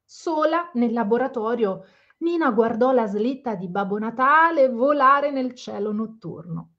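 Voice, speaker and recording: Lively woman reading a picture book. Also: a little high, unhurried. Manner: gentle, explaining to children. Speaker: storyteller for children. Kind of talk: children's picture book read-aloud with comments. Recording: slightly dull lo-fi sound.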